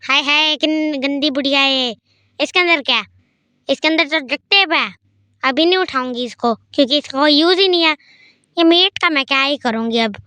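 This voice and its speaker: A woman commentating a horror game in character, chatty and excitable as she talks through each move. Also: high-pitched, dry recording. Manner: chatty, excitable, talks to herself while playing. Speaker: gameplay commentator. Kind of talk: playful gameplay commentary in character.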